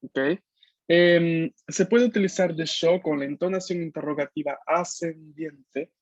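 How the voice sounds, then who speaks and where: A man's voice: on the high side, unhurried, no echo. Man teaching patiently over a video call. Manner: patient, explanatory, checks understanding often. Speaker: language teacher. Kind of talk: online class explanation. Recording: dull lo-fi video call audio.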